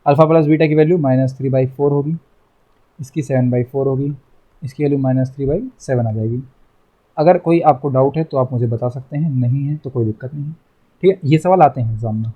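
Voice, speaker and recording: A man's voice: medium pitch, a little fast, narrow, tinny audio. A young man teaching a math lesson online, chatty, repeating himself and teasing his students.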